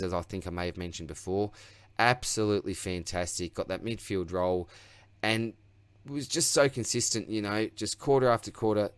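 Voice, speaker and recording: In a smooth, fairly low voice with no room sound, an Australian fantasy football host gives a casual one-man review of his team. He's chatty and self-mocking, wanders as he goes, and his voice is tiring.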